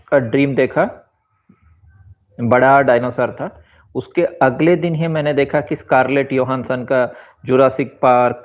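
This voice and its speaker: A man in his forties from India, giving a rambling, reflective personal monologue and slipping into English phrases. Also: mid-range voice. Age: 40s. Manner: rambling, switches into English phrases, fills pauses with asides. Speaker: vlogger and author. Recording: tinny phone-like sound.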